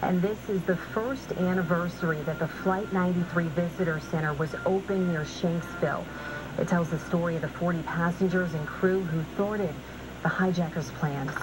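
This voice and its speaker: A woman's voice: fairly low pitch, steady tone, normal speed, noisy background. A woman reading scripted news as an anchor, re-recorded from a television in a room.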